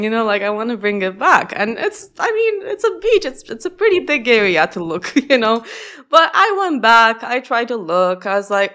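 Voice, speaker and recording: A guest whose first language is Romanian tells stories casually in a reflective conversation, often laughing and restarting her sentences. Her voice is medium-pitched with a fairly bright tone.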